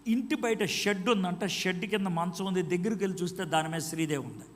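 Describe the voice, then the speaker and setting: A male preacher tells a story during a sermon, acting out each exchange of dialogue. His voice sits a little high for a man. It rings with a long reverb in a large hall. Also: brisk.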